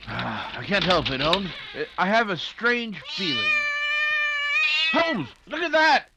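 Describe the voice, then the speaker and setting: A man's voice: sits high, huge pitch swings, slow pace, heavy background noise, heavily acted. A man playing an anxious, fussing doctor and loyal sidekick in an old-time radio detective drama, with a stammering, flustered delivery. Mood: nervous, alarmed.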